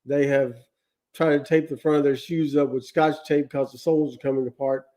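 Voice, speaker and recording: A tired man chatting casually as co-host of a livestream, easygoing and quick with a "yep". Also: mid-range voice, fairly even intonation, dark tone. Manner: easygoing, says yep a lot. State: tired, yawning. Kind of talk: casual chat.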